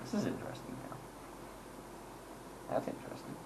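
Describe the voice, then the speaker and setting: A man's voice: moderate pace, noisy background. A man giving casual, rambling gameplay commentary, chuckling and making self-deprecating asides as he goes. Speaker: gaming channel host.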